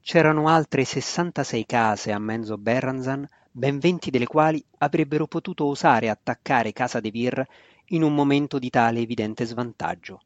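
A man reading a fantasy novel aloud in a steady, measured scripted narration. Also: medium pitch, dry recording. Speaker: audiobook narrator. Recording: dry, slightly dull lo-fi recording.

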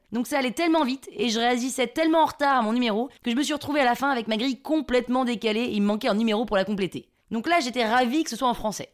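A woman in her thirties from Paris, narrating a self-mocking personal story for a podcast. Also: a little high. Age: 30s.

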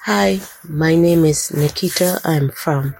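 A woman from Barbados, slowly and gently sharing a personal memory in a recorded message. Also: low-pitched, gravelly, breathy edge. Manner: slow, gentle, heartfelt storytelling.

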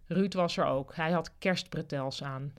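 A podcast host reading a novel chapter aloud in a calm, plain storytelling way into a studio microphone. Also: medium pitch, unhurried. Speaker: podcast reader and author.

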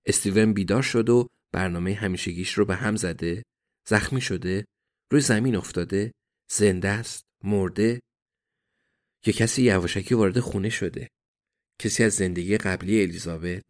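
A man narrating an audiobook in a measured, even reading. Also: fairly low pitch.

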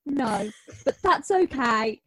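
Woman on a podcast, high voice, slow and drawn out, dry laughs, faint music behind. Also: expressive, a bit bright, breathy edge, no room sound, rough recording. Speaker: podcast co-host. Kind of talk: casual chat.

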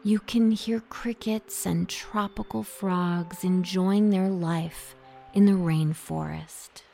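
A woman guiding a relaxation meditation in a soft, soothing voice that drops into a half-whisper. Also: on the low side, steady tone, takes it slowly, creaky. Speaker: meditation guide. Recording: soft music behind the voice.

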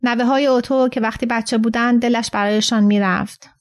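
A woman narrating a literary short story in an even, steady reading. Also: a little high. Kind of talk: scripted narration.

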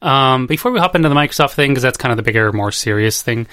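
A man's voice: medium pitch, animated, quick pace, fairly bright tone, dry recording, studio quality. A man hosting a casual podcast chat, out of breath and rambling, laughing often. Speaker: podcast host. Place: home.

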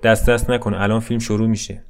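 A man voicing a gruff, impatient bus driver who talks brusquely, in a storybook reading. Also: on the low side, little pitch movement, soft background music.

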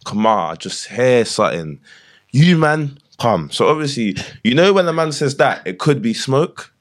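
A man's voice: mid-range voice, very animated, moderate pace. A young man with a London accent, chatting casually with friends in street slang. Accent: London, multicultural London English.

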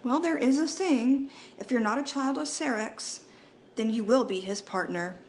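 A woman's voice: fairly high pitch, moderate pace, close to an everyday voice. A woman playing a self-assured, forward starship doctor, matter-of-fact and knowing, in an amateur radio play.

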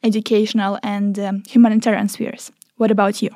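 A young woman from Ukraine hosting a podcast in a studio, asking clear, friendly questions. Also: mid-range voice, flat delivery, fairly quick, mellow, dry recording. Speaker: podcast host. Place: small studio.

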